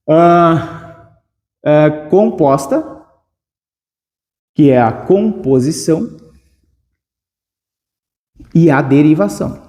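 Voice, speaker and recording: A man teaching a grammar lesson for exams, energetic and playful, stretching out key words. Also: high voice, long reverb tail. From southern Brazil. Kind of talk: exam-prep grammar lesson.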